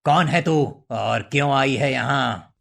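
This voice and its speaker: A calm tantric holy man in a storybook cartoon, voiced by a man, reassuring and slow. His voice is gravelly and husky. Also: on the low side, full character voice.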